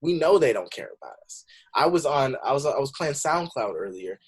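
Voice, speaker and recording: Husky earnest young man. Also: medium pitch, big pitch swings, a little fast. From San Francisco Bay Area. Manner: earnest, builds to emphatic outbursts. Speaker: panel guest. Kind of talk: casual discussion.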